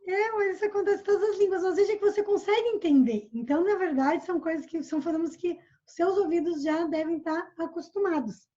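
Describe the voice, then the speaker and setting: High-voiced Brazilian woman teaching. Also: mellow. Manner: patient, explains slowly and repeats examples. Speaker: English teacher. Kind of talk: online English lesson. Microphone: video call. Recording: muffled video call audio.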